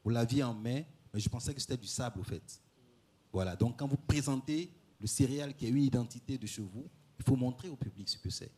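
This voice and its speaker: Jury man, frank and advising, punctuates with short closers, middle pitch. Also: fairly quick, darkish tone, breathy edge. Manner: direct, advising, says "voilà" often. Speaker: jury member. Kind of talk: spoken critique of a performance.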